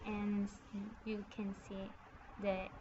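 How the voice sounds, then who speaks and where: A woman's voice: medium pitch, monotone, background noise. Woman, lo-fi. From El Salvador. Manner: careful learner's English with halting phrasing. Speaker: student presenter. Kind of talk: prepared class presentation. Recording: dull lo-fi recording.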